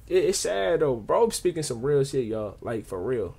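A man's voice: mid-range voice, normal speed, vocal fry, crowd noise. A man in his twenties with an American accent giving casual, slangy, emphatic reaction commentary to the camera. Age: 20s. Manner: animated, slangy, emphatic, peppered with "bro" and "you know what I'm saying". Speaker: reaction video host. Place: small home studio with acoustic foam panels, indoors.

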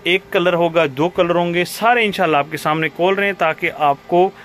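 A man with a Pakistani accent giving an eager teleshopping sales pitch, repeating praise and prices as he presents stock. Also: moderate pace, a bit bright. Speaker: cloth shop seller presenting stock. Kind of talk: sales pitch for a product video. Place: fabric shop, indoors.

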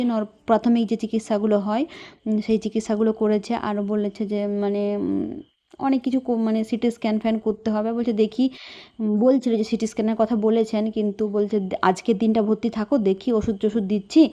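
Woman, flat delivery, mellow tone, worried vlog talk, dull lo-fi recording. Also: on the high side. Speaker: vlogger. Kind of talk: casual personal vlog.

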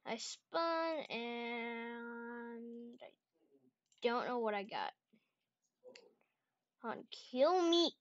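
A woman giving excitable casual commentary while playing a video game, talking to herself and yelling at the game, close to her microphone. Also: a little high, very slow, pauses often, muffled recording. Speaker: gameplay streamer. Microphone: close desk microphone.

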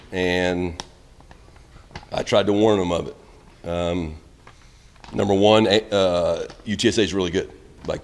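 A middle-aged man with a lowish voice, a college baseball head coach, answers questions candidly and at length at a postgame press conference, his answers trailing off quietly. He's in a press room in front of a backdrop that sounds like a large hall, recorded on reporters' phones and handheld mics held close.

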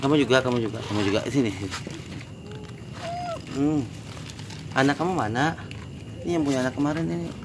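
A man's voice: medium pitch, fairly quick, pauses often, background noise. A man feeding stray cats in an outdoor market at night, coaxing them with short repeated calls. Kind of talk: casual talk to animals. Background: cats and passing vehicles.

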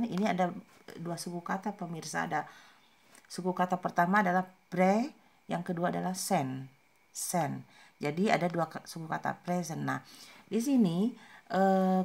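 Low gravelly-voiced woman teaching pronunciation. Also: darkish tone. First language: Indonesian. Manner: slow, repeats words for stress with many fillers. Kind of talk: informal video lesson.

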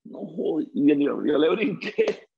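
A middle-aged man with a Venezuelan accent, a guest on an interview show, telling stories in a lively way and acting out the dialogue he quotes. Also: a little high, measured pace, creaky, lo-fi sound. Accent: Venezuelan Spanish. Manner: lively storyteller who acts out quoted dialogue. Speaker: guest, former baseball player. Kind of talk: casual interview storytelling.

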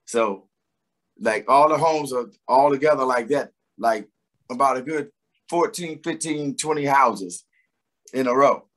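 A middle-aged man from Philadelphia, a singer appearing as a guest, talks in a casual interview chat over a video call, picked up by his webcam. His medium-pitched voice is relaxed and rambling, with many pauses, hesitations, fillers and restarts. He's in a room at home with a door behind him.

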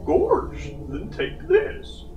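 A man's voice: very slow, recorded from a distance, muffled recording. A man voicing an amiable, goofy cartoon dog-man with a folksy drawl, in a comic dub. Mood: friendly, earnest. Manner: folksy drawl, "gorsh" exclamations. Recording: roomy echo, faint music behind.

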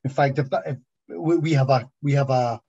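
A man speaks on a video call in a husky, mellow voice. He talks haltingly and repeats his words. The call audio is dull and muffled. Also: medium pitch, fairly even intonation. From Tasmania, Australia. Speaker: guest speaker.

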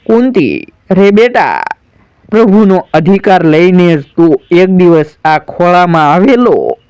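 A tender older royal mother speaks softly and affectionately, as a man storyteller raises his voice to play her. The voice is high, smooth and clear. It is drawn out slowly, and the sound is dry and close. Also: sing-song, no room sound, heavily acted. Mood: coaxing. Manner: gentle, coaxing, affectionate. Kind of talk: dramatic storytelling recitation.

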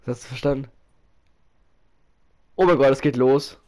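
A man commentating his own match while playing, excitable, often exclaiming and laughing. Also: mid-range voice, normal speed. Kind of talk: casual gaming commentary.

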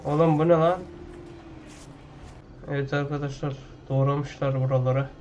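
A man's voice: mid-range voice, steady tone, moderate pace, darkish tone, dull audio, a little hiss or hum. A man playing a video game at his computer, talking loosely and with slang, half to himself, in casual gameplay commentary. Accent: Turkish. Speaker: gaming YouTuber.

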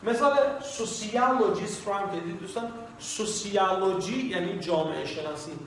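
A man teaching English vocabulary in a recorded lesson, patiently repeating each word slowly. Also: sits high, fairly bright tone, a little hiss or hum. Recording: distant echoey room recording.

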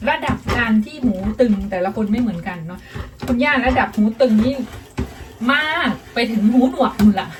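A woman's voice: on the high side, lively intonation, normal speed, far from the mic. A woman chatting casually to her viewers as she cooks at home, addressing them as family. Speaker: vlogger. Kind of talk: casual chat while cooking. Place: home kitchen.

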